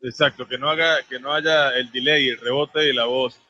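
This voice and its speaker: A man's voice: mid-range voice, steady tone, normal speed, bright, forceful tone, highs cut off, a little hiss or hum. A man hosting a radio interview, asking long, wordy questions full of fillers. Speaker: radio show host.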